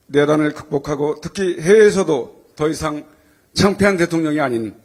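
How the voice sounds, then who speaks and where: Higher-voiced man giving a formal welcome speech. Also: a little mellow. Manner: earnest, deferential, ceremonial. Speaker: Korean community association president giving a welcome address.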